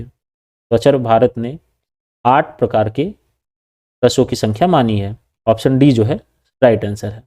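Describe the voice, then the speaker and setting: A man's voice: medium pitch, warm tone. A man teaching a practice lesson for an exam. He reads each question and its options aloud, then explains the answer and repeats it. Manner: repeats answers and keeps saying "right answer".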